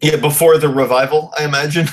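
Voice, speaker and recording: A man's voice: a little high, fairly even intonation, a little fast. A man in his late twenties hosting a podcast interview, rambling and loose, laughing often in casual chat. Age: 20s. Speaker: podcast host.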